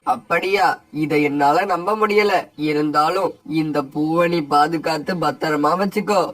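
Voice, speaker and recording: A man's voice: on the high side, unhurried, fairly bright tone, no room sound, far from the mic, low-quality recording. A man voicing a caring father sparrow. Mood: concerned. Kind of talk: cartoon voice acting.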